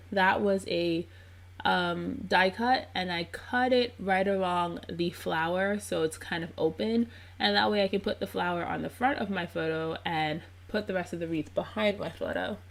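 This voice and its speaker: A woman with a lowish, gravelly voice narrates her scrapbooking process video in a casual, chatty voice-over. She sounds congested and a bit under the weather, staying relaxed and dropping in frequent ums.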